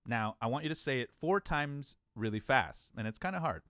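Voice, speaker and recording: Lively man teaching beatbox. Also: medium pitch, moderate pace, clear, resonant tone, dry recording. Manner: encouraging, counts students in and demonstrates beatbox sounds. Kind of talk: online class instruction.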